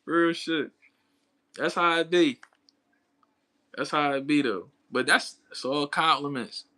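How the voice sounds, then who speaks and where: Slow and sharp-toned, with a voice on the high side, a man in his thirties chats with viewers during his boxing livestream. The talk is casual and slangy, and he laughs often.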